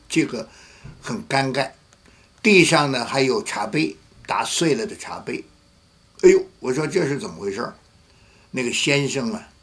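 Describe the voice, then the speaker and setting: Gravelly-voiced man preaching a sermon. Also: medium pitch. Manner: vivid storyteller who acts out quoted voices. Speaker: pastor. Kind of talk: sermon with storytelling.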